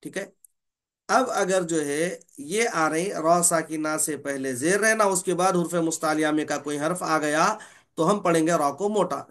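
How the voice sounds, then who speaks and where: A man teaching a Quran recitation class, patiently explaining rules and slowly stretching out example words. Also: a little high, fairly bright tone. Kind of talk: online tajweed class.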